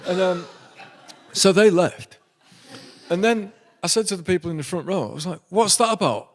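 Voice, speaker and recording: A man's voice: sits high, moderate pace, a little mellow. A man, a podcast guest rambling through self-deprecating anecdotes in casual chat. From Yorkshire, England. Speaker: podcast guest, comedian-poet.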